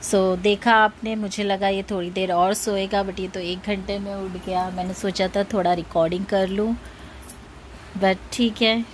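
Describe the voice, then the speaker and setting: A woman vlogging in a quiet, hushed voice, talking slowly to viewers and coaxing a little child. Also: mid-range voice, little pitch movement. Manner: hushed, speaking softly so a sleeping child won't wake; coaxing, talks sweetly to a small child. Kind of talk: casual family vlog. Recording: noisy background.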